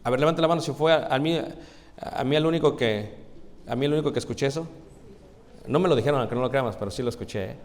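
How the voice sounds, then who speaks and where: A man's voice: mid-range voice, fast. A man from Mexico, preaching a conversational sermon and speaking directly to the congregation as his brothers, asking them questions. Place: church sanctuary. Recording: long hall reverb in a church.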